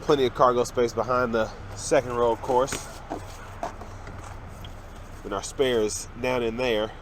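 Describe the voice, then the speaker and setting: A man's voice: medium pitch, fairly even intonation, unhurried, slight background noise. A young man, getting over a cold, casually walking around a car and pointing out its features. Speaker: car reviewer. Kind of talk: walkaround car review narration. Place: in and around a parked car outdoors.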